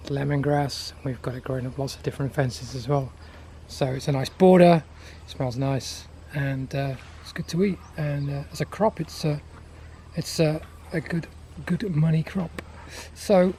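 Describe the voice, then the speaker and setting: A man giving a casual, unscripted garden tour outdoors, listing things in an unhurried, appreciative way. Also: a little high, dark tone. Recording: outdoor ambient noise.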